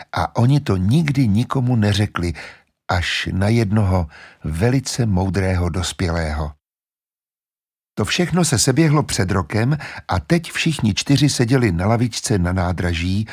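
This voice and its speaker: A man narrating a children's story calmly and in a measured way. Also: fairly low pitch, slightly rough. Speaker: audiobook narrator. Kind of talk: scripted narration.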